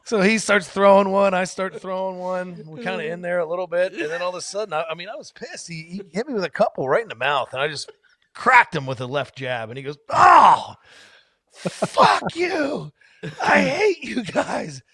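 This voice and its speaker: A man's voice: high voice, fast talker, no echo. A man telling a rowdy bar story in casual chat, swearing freely and acting out what people said. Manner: animated, profane, acts out quotes. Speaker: podcast guest.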